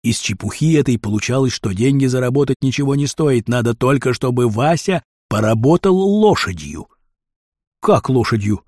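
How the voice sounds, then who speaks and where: Lively, husky male storyteller. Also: medium pitch, moderate pace, hardly any pauses, no echo, studio quality. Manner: lively, expressive reading. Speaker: audiobook reader. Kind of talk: scripted storybook narration.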